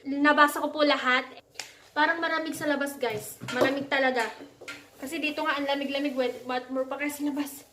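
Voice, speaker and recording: A woman from the Philippines talks in a chatty, casual vlog voice that sits high. She sometimes coaxes a child in a gentle mommy tone. The room sounds echoey, with faint background noise. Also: fairly even intonation, a little fast. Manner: chatty, switching to a coaxing mommy tone with her child. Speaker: vlogger and mother. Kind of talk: casual home vlog chat. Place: indoors at home, bedroom.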